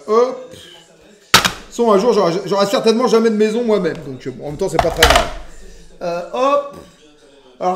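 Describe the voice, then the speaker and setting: A man's voice: sits high, fairly bright tone, reverberant. A man live-streaming while he cooks in his rented apartment kitchen, rambling with crude jokes and asides to his chat. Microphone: streaming setup with camera.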